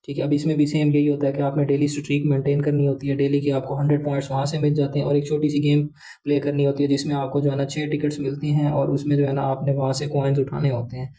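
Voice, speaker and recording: A man's voice: fairly high pitch, monotone, fast talker, dark tone, low-quality recording. A man casually walks viewers through an app, rambling and leaning on filler phrases. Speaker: crypto channel host. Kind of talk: casual explainer walkthrough.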